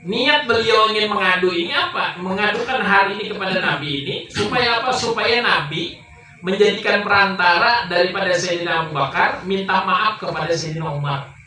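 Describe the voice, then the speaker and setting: A man preaching a sermon, telling a story that often climbs high and emphatic. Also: moderate pace, bright, forceful tone. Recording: echoey room, mic far off, faint noise.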